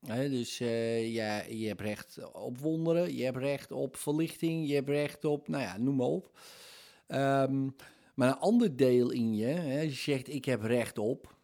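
A man hosting a solo podcast, talking reflectively and candidly, pausing often with fillers as he searches for words. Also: mid-range voice, creaky, darkish tone. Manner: candid and self-mocking. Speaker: podcast host.

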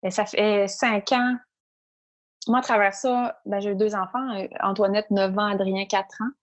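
A woman with a Quebec French accent speaks as an interview guest. She sits at an even, middle pitch and talks about her work in a candid, reflective way, pausing often on "euh" as she thinks. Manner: earnest, reflective, with frequent "euh" pauses. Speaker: business owner, interview guest.

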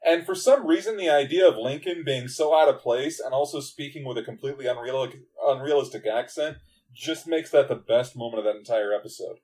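A man's voice: medium pitch, brisk, darkish tone. Blunt, enthusiastic man. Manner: blunt, enthusiastic, swears casually. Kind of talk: casual film discussion.

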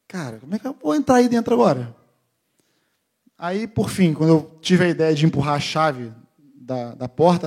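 A middle-aged man preaches a sermon, telling a family story in a lively way and acting out his relatives' voices. His voice is on the high side.

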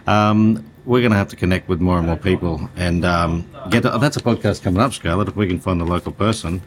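A man's voice: low voice, fairly quick. A man with an Australian accent hosting a casual podcast interview in an informal, rambling way. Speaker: podcast host.

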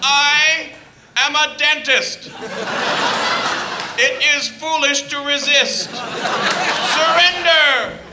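An actor playing a grandiose small-time dentist who has hijacked a radio broadcast to proclaim himself ruler of the world. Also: male voice, very high voice, roomy sound, very noisy, exaggerated voice. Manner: grandiose, proclaiming, slow and deliberate.

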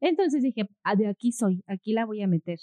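This woman, a co-host and mother, speaks at medium pitch and a moderate pace while telling a story in casual conversation. She's lively, acting out quotes, and the audio is dry, phone-like, and echo-free.

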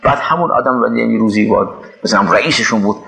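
An older man from Iran recalling his past work in a halting interview, with pauses and restarts. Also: on the low side, vocal fry, low-quality recording. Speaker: interviewee recalling his time as a city official. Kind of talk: reminiscing interview.

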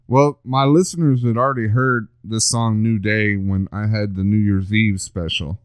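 A male podcast host with a low, smooth voice chats casually with his guest. He jokes and teases in a loose, friendly way. The sound is dry and close, with no room around it. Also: steady tone, normal speed, no echo. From Texas. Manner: jokey, teasing, chatty. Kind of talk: casual interview chat.

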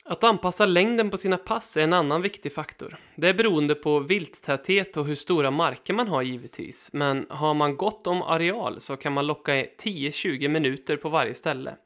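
A man reading his own hunting trip article aloud in a steady, matter-of-fact way. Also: a little high. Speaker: hunting writer narrating his trip report.

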